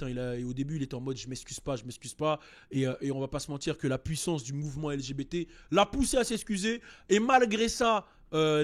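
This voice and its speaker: A man hosting a casual rap commentary, animated and digressive, jumping into raised voices to act out what people said. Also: on the high side. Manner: digressive and joking. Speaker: host.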